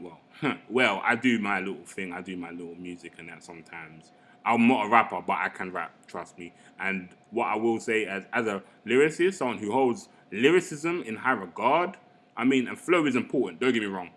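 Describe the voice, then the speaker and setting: A young English artist with a lowish, bright, forceful voice chats casually while working on a digital painting. His talk is laid-back and rambling, packed with slang.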